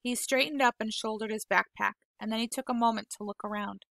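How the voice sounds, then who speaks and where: A woman teacher reading a novel aloud to her class, unhurried and gentle, apologizing now and then when she stumbles over words. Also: a little high, fairly even intonation, creaky, no room sound. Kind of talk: read-aloud storytelling.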